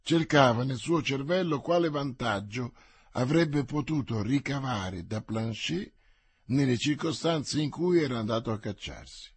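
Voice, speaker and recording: Male narrator for a classic novel audiobook, husky, lively, dry close sound. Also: medium pitch, no room sound. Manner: expressive, measured reading. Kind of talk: scripted narration.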